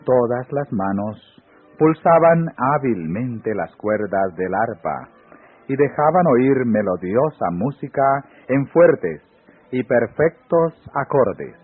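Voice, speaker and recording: Male devotional reader, solemn and unhurried, husky tone, phone-line audio. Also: mid-range voice, lively intonation. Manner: solemn, rising on exclamations. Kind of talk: slow devotional reading. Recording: phone-like audio with faint music.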